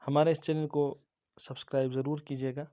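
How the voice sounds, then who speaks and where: A man teaching Quran reading in an online lesson with a Pakistani Urdu accent, drawing out syllables slowly as drills. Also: on the high side, little pitch movement, mellow, clean tone. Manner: slow drawn-out syllable drills.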